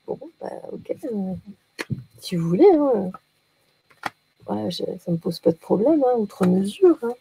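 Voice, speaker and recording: A woman's voice: mid-range voice, big pitch swings, unhurried, gravelly, long pauses, mellow, breathy edge. A woman giving a casual daily oracle card reading, chatty and playful, often hesitating as she talks.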